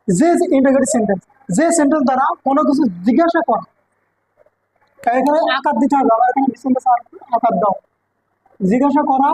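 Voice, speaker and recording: High-voiced woman teaching grammar. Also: darkish tone, dry recording, low-quality recording. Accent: Bengali. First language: Bengali. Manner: checks understanding with repeated questions to students. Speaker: English teacher at a coaching center. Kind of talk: classroom grammar lesson.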